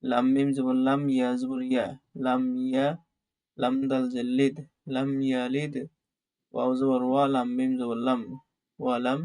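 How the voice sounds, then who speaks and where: Gravelly, flat-voiced male Quran teacher. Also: mid-range voice. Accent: Bangladeshi Bengali. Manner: slow, drawn-out recitation of letters and vowel marks. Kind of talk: spelling out Arabic syllables in an online class.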